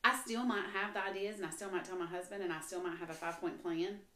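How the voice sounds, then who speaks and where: A woman's voice: lowish voice, fairly even intonation, fast, pushed and bright. Earnest woman telling her story, roomy echo. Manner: earnest storytelling with frequent restarts and fillers. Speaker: guest. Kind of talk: faith podcast conversation.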